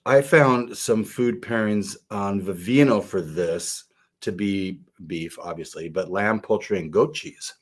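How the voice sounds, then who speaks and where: A middle-aged man co-hosting a wine podcast, talking casually with many fillers and restarts. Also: lowish voice. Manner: chatty, halting with many fillers. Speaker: podcast co-host. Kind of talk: casual wine-tasting chat.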